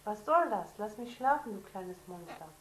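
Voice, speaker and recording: A woman's voice: medium pitch, animated, measured pace, a little hiss or hum, lightly acted. A woman voicing a sleepy, skeptical older sister who grumbles, read aloud in an echoey room. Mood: grumpy. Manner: gruff, grumbling.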